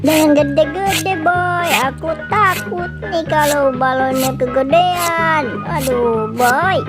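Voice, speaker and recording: A woman voicing a fearful, whiny cartoon boy who pleads with his friend in a high childlike voice. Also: slow pace. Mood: scared, whiny. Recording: loud music under voice.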